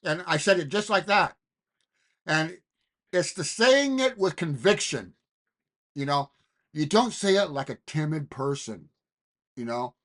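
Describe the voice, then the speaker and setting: A man's voice: a little high, expressive, unhurried, long pauses, fairly bright tone. A man hosting his own video, talking in a casual, rambling, digressive way that is full of "you know" and restarted phrases. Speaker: channel host. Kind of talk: casual talking-head vlog.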